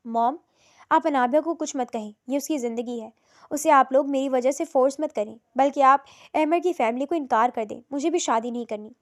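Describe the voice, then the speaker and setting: A woman voicing a lively, scheming young daughter with a chirpy way of speaking. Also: high voice, close to an everyday voice. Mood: tearful.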